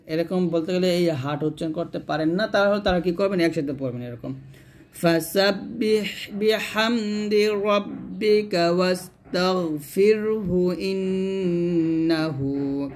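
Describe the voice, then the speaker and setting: A man teaching Quran recitation step by step, spelling out letters and vowel marks before reciting each phrase slowly. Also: on the high side, a little hiss or hum. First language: Bengali. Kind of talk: slow step-by-step recitation lesson.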